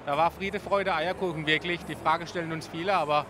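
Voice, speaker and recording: A man's voice: a little high, fairly even intonation, fairly quick. A man in his thirties giving casual interview answers into a handheld microphone. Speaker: author, interview guest. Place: busy festival beer tent. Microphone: handheld reporter microphone held to him. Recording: noisy busy tent behind the voice.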